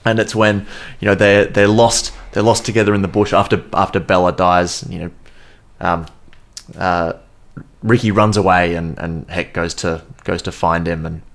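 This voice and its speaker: A man's voice: low-pitched, flat delivery, normal speed. A man co-hosting a podcast, chatting enthusiastically about a film and often restarting his sentences. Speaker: podcast co-host. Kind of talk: casual film review chat.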